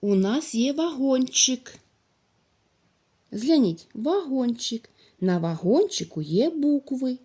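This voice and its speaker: A woman teacher speaks to young children at a very slow, deliberate pace, stretching out each word and sound. Her voice is mellow and warm, with lively rises and falls in pitch. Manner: slow, drawn-out, clearly articulated speech for young children. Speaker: primary school teacher.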